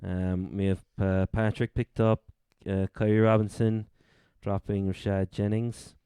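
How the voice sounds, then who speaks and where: A man's voice: fairly low pitch, flat delivery, unhurried, warm tone, clean tone, no room sound, studio quality. A man with a Cork accent from Ireland, co-hosting a sports podcast and casually running through updates. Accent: Irish, Cork. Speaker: fantasy football podcast co-host.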